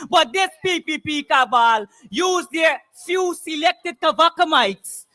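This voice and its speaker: Male Guyanese political orator, fiery and impassioned, shouted delivery, bright forceful tone, measured slow pace. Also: extremely high pitch. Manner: fiery, impassioned, revolutionary call-to-action oratory; shouting much of the time. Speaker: political speaker at a rally. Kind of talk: fiery political rally speech. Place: public political meeting, speaking to a crowd.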